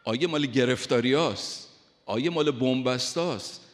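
Emphatic male preacher in echoing hall. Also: mid-range voice. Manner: emphatic, recites Arabic verses slowly; speaks directly to listeners. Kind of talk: sermon. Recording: long hall reverb.

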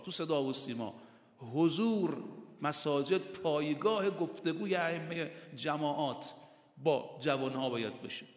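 A male cleric preaching a sermon, telling stories and acting out the voices in them. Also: a little high. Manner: storytelling, acting out quoted voices. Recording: long hall reverb.

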